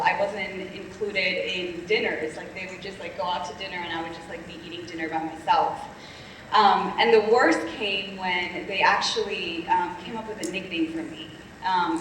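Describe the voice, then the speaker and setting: On a conference stage, a Colombian woman on a panel shares a personal story candidly and reflectively, with frequent ums. Her medium-pitched voice is a bit bright. The distant mic in an echoey hall adds a little hiss or hum.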